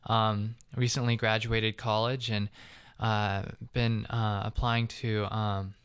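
A man in his twenties from the Atlanta area, a guest speaking haltingly with many pauses. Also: lowish voice, level tone, fairly bright tone, clean tone, dry recording, clean studio sound. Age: 20s. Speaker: interview guest.

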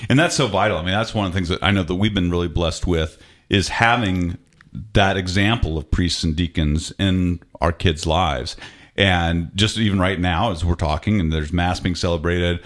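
A man's voice: low voice, normal speed, fairly bright tone. A man hosting a radio fundraiser, upbeat and chatty, repeating the call-in number and interviewing guests in the studio. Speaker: radio host.

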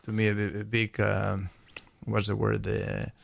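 Older Spanish-accented male radio guest, gravelly, halting, dry close sound. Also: fairly low pitch, monotone, no room sound. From Spain. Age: 60s. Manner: halting, searches for words, many restarts. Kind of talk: casual radio conversation.

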